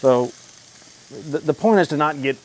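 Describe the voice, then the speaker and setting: A man's voice: a little high, lively intonation, moderate pace, a little mellow, low-quality recording. A man hosting a home cooking vlog, talking to the camera in a casual, folksy, informal way as he cooks. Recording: clear sizzling and frying noise. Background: food sizzling on a grill.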